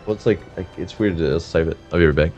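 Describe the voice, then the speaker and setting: A man's voice: low voice, fast talker, dull audio, over music. A man chatting as a guest on a game stream, teasing and rambling with frequent laughs. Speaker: guest co-commentator. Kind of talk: casual gaming stream chat.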